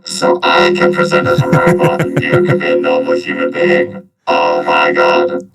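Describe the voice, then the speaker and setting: A male podcast host talking playfully through a deep, booming robot voice filter. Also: wildly swooping pitch, normal speed, creaky, fairly bright tone, soft background music. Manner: playful, joking. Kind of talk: casual podcast chat.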